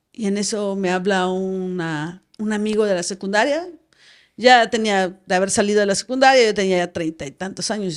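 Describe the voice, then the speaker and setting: Lady in her 40s, guest on a podcast, talks it through slowly, lots of restarts. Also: mid-range voice. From Veracruz, Mexico. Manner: measured, recounts with many restarts and reported speech. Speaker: guest, nurse. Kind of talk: personal storytelling in an interview.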